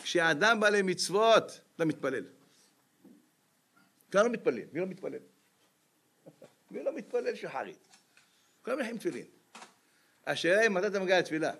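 A man giving a sermon as a rabbi, lively and full of rhetorical questions to his listeners. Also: sits high, vocal fry, long pauses, slightly rough.

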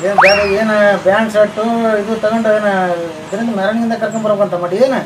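A man's voice: high voice, flat delivery, fast talker, far from the mic, very noisy, natural voice. A man playing a bossy, impatient village landlord, barking orders at his servant. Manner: gruff, ordering servant around. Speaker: village landlord in a comedy skit. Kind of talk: rustic comedy skit.

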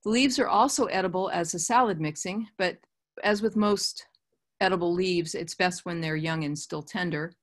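A woman's voice: fairly low pitch, normal speed. Woman giving a webinar talk. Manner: friendly, explanatory, with asides. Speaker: master gardener presenter. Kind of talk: webinar slide presentation. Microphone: webcam on a video call.

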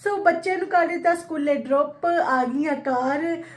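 Talking to her audience in a daily vlog, a woman with a Punjabi accent goes casually through her routine and drops in English phrases. She speaks at a normal pace in a high voice.

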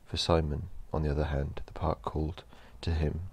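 A man narrating a horror story in a slow, measured storytelling delivery. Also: extremely low pitch, completely flat delivery, a little mellow, breathy edge.

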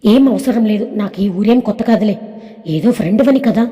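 A woman's voice: medium pitch, normal speed, dark tone, close to an everyday voice. A woman doing a sulky, hot-tempered young woman. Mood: angry sulking. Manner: angry, whiny outbursts. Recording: echoey reverb.

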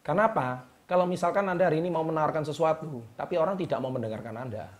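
Emphatic man giving motivational tips. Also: fairly high pitch. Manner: emphatic, repeats key words with a drawn-out "ya". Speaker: host. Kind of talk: motivational talk to camera. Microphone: speaking straight to the camera.

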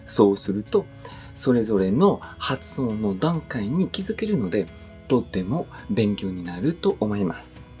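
A man who runs a language school, leading a pronunciation lesson and carefully articulating each word, stretching it out very slowly on the repeats. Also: on the low side, big pitch swings, dark tone, soft background music. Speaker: French school principal and teacher.

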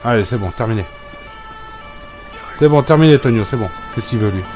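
A man's voice: mid-range voice, expressive, brisk, music in the background. A man giving comic role-play commentary over gameplay, scolding and exasperated in a joking banter. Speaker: gameplay video creator.

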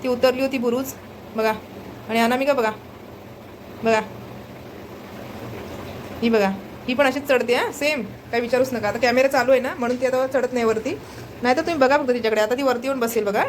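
A woman's voice: a little high, fairly even intonation, a little fast, pauses often, slight background noise, poor audio. A woman chatting through a casual home cooking vlog, recorded on a handheld phone in her kitchen and often urging viewers to look. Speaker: vlogger.

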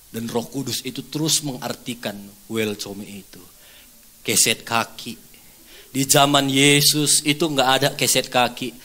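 A male pastor, preaching through a story, swinging between loud and hushed. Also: medium pitch, fairly even intonation, unhurried. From North Sumatra, Indonesia. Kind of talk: sermon.

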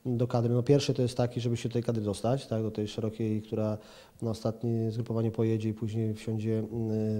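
A football pundit in his forties gives hesitant answers in a TV interview, with plenty of fillers and restarts. His voice is medium-pitched and mellow. It's recorded in an indoor office room with a plant on a handheld reporter's mic held toward him.

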